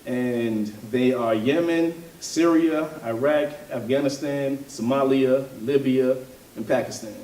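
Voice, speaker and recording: A man gives a thoughtful, unhurried religious and political talk, stopping often to restart his sentences. He sits a fair way from the mic, and the room adds a clear echo. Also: medium pitch, mellow, a little hiss or hum. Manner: thoughtful, hesitant, with frequent fillers and restarts. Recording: roomy, from a distance.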